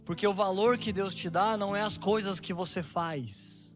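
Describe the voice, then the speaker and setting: A man preaching a sermon in a lively storytelling way, often acting out the voices of people in his stories. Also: sits high, moderate pace, soft background music. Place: church stage.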